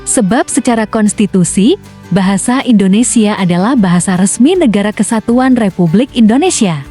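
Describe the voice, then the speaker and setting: A woman host reading a scripted news commentary in a smooth, even manner. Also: medium pitch, moderate pace, soft background music.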